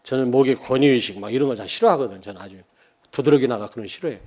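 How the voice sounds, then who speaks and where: A man in his fifties from Cheonan, preaching a sermon as pastor, joking and telling stories, swinging from loud emphasis to quiet asides and calling out to the congregation. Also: mid-range voice, rapid-fire. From Cheonan, South Korea. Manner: joking, anecdotal, calls out to the congregation.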